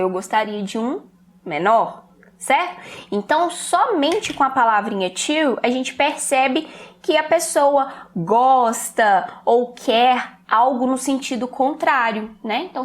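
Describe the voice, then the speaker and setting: A Brazilian woman teaching English in a chatty lesson, reading example sentences slowly and carefully. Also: fairly high pitch. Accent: Brazilian Portuguese. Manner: lively, chatty explaining.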